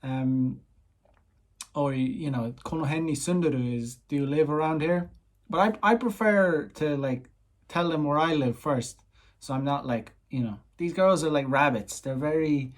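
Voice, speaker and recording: A man talks at an ordinary, middle pitch in a loose vlog style. He rambles and fills gaps with "you know", stopping to drop in simple Japanese lines and translate them. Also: a little mellow. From Ireland. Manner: slips in basic Japanese phrases and translates them. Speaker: dating coach. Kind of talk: casual explanatory vlog talk.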